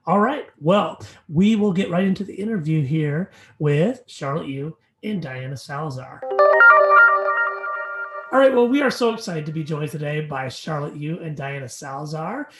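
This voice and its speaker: Soft background music plays under this reverberant recording of an educational podcast co-host. At normal speed and in a slightly high voice, he chats upbeat and casually, rambling with fillers, and reads the sponsor message.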